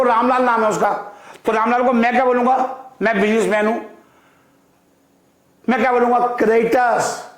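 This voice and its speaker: A male accounting teacher giving a classroom lecture in a digital-board classroom, asking the class questions and answering them himself, and drawing key terms out slowly. He speaks English with an Indian accent. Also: very high-pitched, reverberant. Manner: asks the class questions and answers them himself, calls students "beta" and "bachhon"; slow, drawn-out repetition of key terms.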